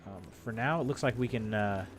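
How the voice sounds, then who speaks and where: Talking fairly quickly in a lowish voice, a congested man chats on his game livestream, meandering with lots of fillers and restarts. The desk-mic recording is dry and close, though background noise is present.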